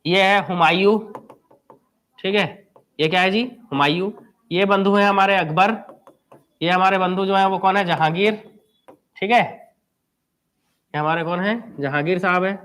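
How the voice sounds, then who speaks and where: Male coaching teacher, high voice, chatty lecturing that quizzes the class. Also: steady tone, a little slow, pauses often, fairly bright tone. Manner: chatty, quizzes students and answers himself. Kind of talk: live online class lecture.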